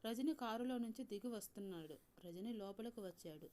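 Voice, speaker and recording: A woman with a Telugu accent reading a story aloud in a calm, measured way, softly voicing the characters. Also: fairly high pitch. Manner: calm, measured reading with soft voiced dialogue. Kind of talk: scripted story narration.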